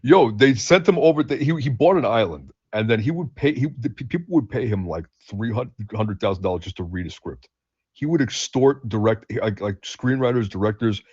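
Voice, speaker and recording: A man's voice: on the low side, normal speed, darkish tone, breathy edge, no room sound. A man co-hosting a stream, telling a story in casual chat with lots of restarts and fillers. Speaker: stream co-host. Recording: muffled lo-fi audio.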